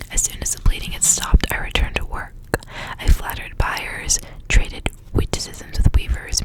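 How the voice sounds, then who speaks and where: Over poor audio, an ASMR reader and channel host whispers a storybook in a soft, unvoiced tone. Her reading is interrupted now and then by offhand comments.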